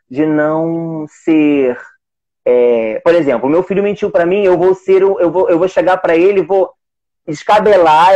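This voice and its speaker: A man's voice: fairly high pitch, mellow, muffled recording. A man talking casually in a live video chat as an adoptive single father, rambling with many restarts. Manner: rambling, many restarts, quoting his own talks with his son. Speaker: teacher of young children.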